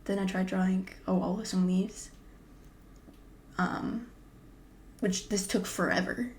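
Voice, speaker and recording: A young woman casually chatting about her drawings, often dropping into a breathy half-whisper. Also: mid-range voice, steady tone, slow, a little hiss or hum. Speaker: artist vlogger. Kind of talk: casual vlog commentary.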